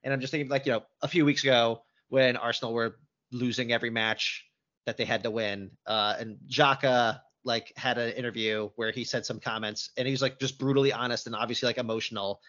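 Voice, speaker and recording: A man's voice: medium pitch, fairly even intonation, brisk, sharp tone, dull audio. A man hosting a casual football debate, thoughtful and hedging as he talks things through.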